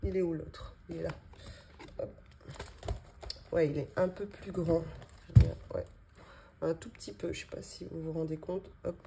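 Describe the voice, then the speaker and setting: A woman's voice: low-pitched, steady tone, measured pace, vocal fry, long pauses, noisy background. A woman in her thirties, chatting casually at her desk as she unboxes and shows her budgeting binders, with many fillers and small laughs. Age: 30s. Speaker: budgeting vlogger. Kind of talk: casual show-and-tell vlog. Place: home office desk, indoors.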